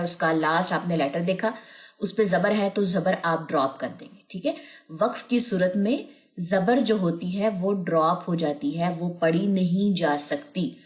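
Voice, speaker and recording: A woman teaching Quran reading, patiently spelling out letters and syllables in drawn-out recitation. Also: on the low side, a little mellow, echoey room. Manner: patient, drawn-out syllables when reciting, plain explaining between. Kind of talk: slow spelled-out recitation lesson.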